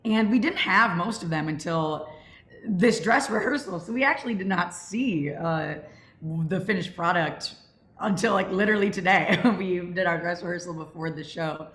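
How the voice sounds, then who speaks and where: A young woman with a fairly low, fairly bright voice speaks at normal speed while moderating a student audio drama club's Q&A. She's at home on a group video call, and the call microphone picks up an echoey room.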